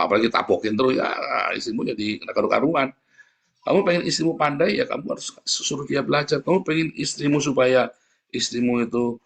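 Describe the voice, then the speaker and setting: A man's voice: mid-range voice, fairly bright tone, slightly rough. A man preaching a sermon, joking with the congregation and often calling out to them directly. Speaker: pastor.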